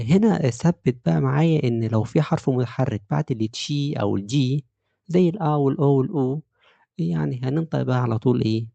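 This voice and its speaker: A man with an Egyptian Arabic accent teaching Italian pronunciation, explaining rules step by step and repeating example words slowly. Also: medium pitch, vocal fry, warm tone, dry recording. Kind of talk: pronunciation lesson.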